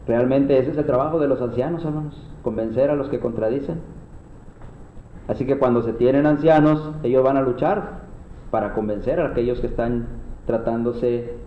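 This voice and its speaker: A man with a Mexican Spanish accent preaches earnestly to a church class, often calling on his brothers. His voice rings through a reverberant room. The recording is muffled, with a faint hiss behind it. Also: mid-range voice. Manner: earnest, repeatedly addresses listeners as brothers. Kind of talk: sermon-style Bible class. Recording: echoey room, dull lo-fi sound.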